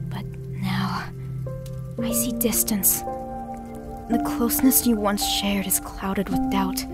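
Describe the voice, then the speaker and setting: A woman playing a gentle, earnest young pony princess who tells fortunes in a radio drama. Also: mid-range voice, natural voice.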